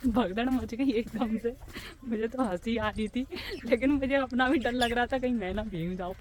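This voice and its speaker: Chatty woman vlogging outdoors, high voice. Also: moderate pace, a little mellow, a little hiss or hum. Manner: chatty, narrates to camera. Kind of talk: casual vlog chat. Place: outdoors by a ground and trees.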